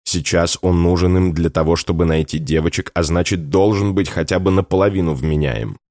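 Deep-voiced male audiobook narrator. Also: a little fast, a little mellow, no room sound, studio quality. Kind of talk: scripted narration.

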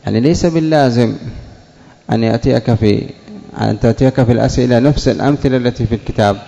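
In an echoey hall, a sheikh gives a classroom lesson on Arabic morphology, explaining word roots. He poses questions and then answers them, drawing out example words slowly, in a medium-pitched, dark voice with vocal fry.

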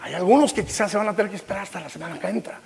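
Gravelly, high-voiced Mexican preacher. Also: male voice, rapid-fire, darkish tone, in a large hall. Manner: impassioned preaching with playful humorous asides. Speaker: pastor. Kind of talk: live sermon.

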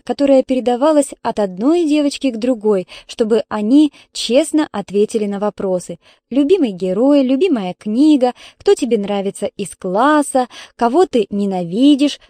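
A woman's voice: fairly high pitch, dark tone, no room sound. A woman narrating a story as an audiobook reader, telling it evenly. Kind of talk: audiobook reading.

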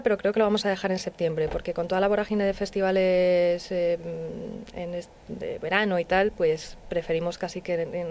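A woman's voice: fairly low pitch, darkish tone. A woman, a musician guest on a radio interview, talking hesitantly with many fillers. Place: radio studio.

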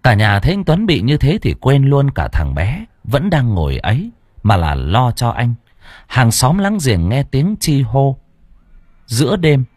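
A man narrating a ghost story in an expressive, dramatic way. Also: medium pitch, breathy edge, dry recording, studio quality. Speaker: audiobook narrator.

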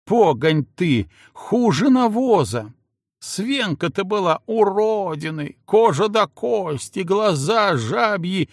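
A man's voice: creaky, husky, dry recording, studio quality, full character voice. A man voicing a furious jealous princess who screams insults at her husband. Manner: screaming insults, shrill and frantic. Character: furious jealous young princess, shrieking wife.

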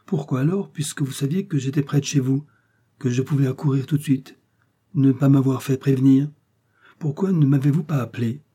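A man's voice: medium pitch, brisk, dark tone, husky, pitched above the performer's own voice, close to an everyday voice. A man reading the lines of a polite, eager detective who presses with urgent questions.

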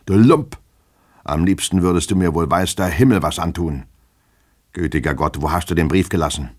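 A man voicing a fretful, fussy middle-aged male clerk who turns shrill and anxious when scolding. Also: steady tone, brisk.

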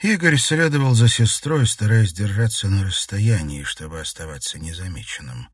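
A man narrating an audiobook in a measured, even storytelling manner. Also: fairly low pitch, slightly rough, no room sound, clean studio sound, distant mic. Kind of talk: scripted narration.

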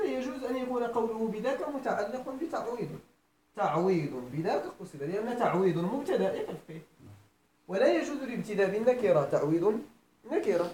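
A man's voice: very high-pitched, darkish tone, a little hiss or hum. A middle-aged man with a Moroccan accent, teaching a grammar class, explaining step by step, repeating phrases and often asking his students if they follow, moving between formal Arabic and dialect. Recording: echoey room.

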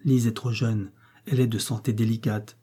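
A man's voice: on the low side, little pitch movement, moderate pace, dark tone, husky. A man reading an audiobook, voicing a frightened, guilt-ridden noblewoman who pleads and murmurs hesitantly. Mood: pleading, fearful.

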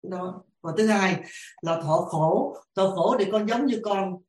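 A woman, a lay practitioner asking her teacher questions, halting as she searches for words. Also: mid-range voice, darkish tone, a little hiss or hum. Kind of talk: dharma Q&A. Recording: roomy echo.

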